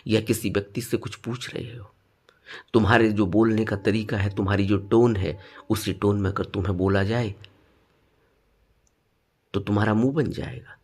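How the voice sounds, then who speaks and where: A man teaching meditation in a spoken dharma talk, stressing points with sudden rises and then dropping low. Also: fairly even intonation, normal speed, pauses often, a little mellow, slightly rough.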